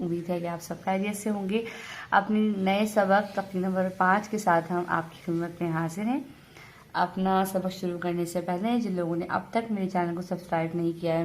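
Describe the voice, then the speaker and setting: A woman teaching an online reading lesson. She sounds out syllables slowly and loudly, then explains quickly between drills. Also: on the low side, slight background noise.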